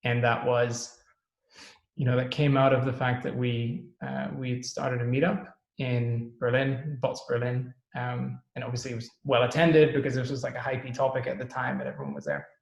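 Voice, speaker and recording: This medium-pitched, gravelly-voiced man from the Netherlands speaks at a moderate pace on a muffled, echoey, roomy recording. A startup co-founder guesting on a podcast, he chats casually and thinks aloud with frequent ums.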